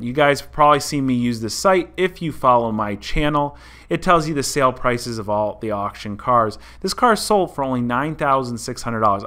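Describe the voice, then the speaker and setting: Recording from a room indoors on a desk mic placed in front of him, a thirtysomething car-channel host gives casual vlog commentary, talking viewers through a story in a chatty, explanatory way. His voice is mid-range and a bit bright.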